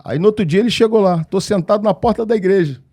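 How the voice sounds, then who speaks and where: High-voiced pastor telling lively stories. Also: male voice, quick pace. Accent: Rio de Janeiro Portuguese. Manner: animated storyteller acting out dialogue. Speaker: pastor, podcast guest. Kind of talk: storytelling in a podcast interview.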